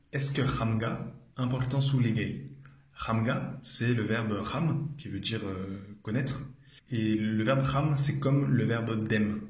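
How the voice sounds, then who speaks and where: A male language teacher explains slowly and patiently in a mid-pitched voice. He repeats each phrase and hesitates often. The room around him adds a noticeable echo. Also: a little mellow. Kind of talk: explanatory video lesson.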